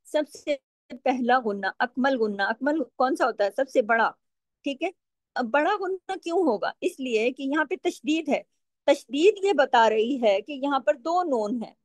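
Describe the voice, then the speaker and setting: A woman with a high voice explains the rules of Quran recitation, asking her listeners questions and then answering them herself. She stretches each recited example out slowly. Her voice is recorded close and dry, with almost no room sound. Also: lively intonation, no room sound. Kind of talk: step-by-step tajweed lesson.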